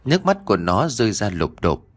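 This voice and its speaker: A man reading a scripted audio story aloud with an expressive, emotional delivery. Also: fairly low pitch, a little fast.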